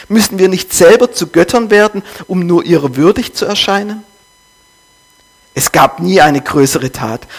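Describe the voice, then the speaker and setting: A man's voice: on the high side, slightly rough. A man voicing a frantic madman who cries out over a lost god, in an intense run of rhetorical questions.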